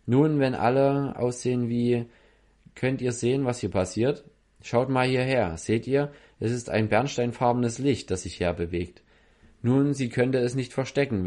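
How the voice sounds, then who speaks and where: A man preaching at a healing service, earnestly questioning the person before him in short halting phrases. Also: fairly low pitch, dark tone. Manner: earnest, questioning the listener directly.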